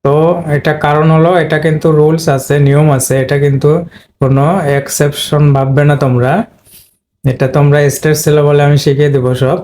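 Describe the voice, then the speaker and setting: Man teaching with a flat delivery. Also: on the high side, slight background noise. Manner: step by step, repeating words slowly. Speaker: English pronunciation teacher. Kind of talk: explaining at a board.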